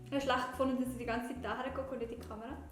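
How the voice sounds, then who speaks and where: A young woman with a high voice and a Swiss German accent talks casually as an amateur video host. She is playful and self-deprecating, in a very reverberant room with prominent music behind. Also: little pitch movement, very fast. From Switzerland. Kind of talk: casual chat to camera with a friend.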